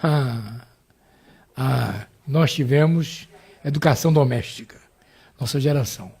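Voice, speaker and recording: A man's voice: mid-range voice, a little slow, vocal fry, a little mellow, husky. A man hosting a live radio interview, chatting and chiming in with the guest. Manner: conversational, chiming in with agreement. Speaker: radio host.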